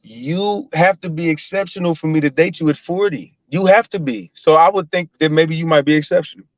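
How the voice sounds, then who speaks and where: A man's voice: a little high, fairly quick, no room sound. A man arguing bluntly and profanely in a heated casual debate on a live call-in stream. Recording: dry, dull lo-fi call audio.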